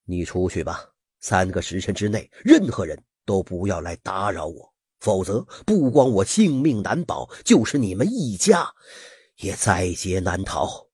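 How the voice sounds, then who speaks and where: A man voicing a stern middle-aged male snake-taming master in a folk story, gruff and commanding, in a husky voice. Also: deep voice, very animated, unhurried, darkish tone, dry recording, clean studio sound, pitched below the performer's own voice, full character voice.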